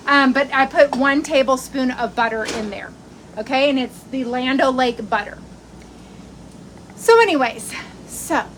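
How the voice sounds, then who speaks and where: A woman's voice: high voice, fairly bright tone, a little hiss or hum, poor audio. A middle-aged woman, telling a rambling story in a casual cooking vlog, full of fillers and restarts. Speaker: cooking vlogger.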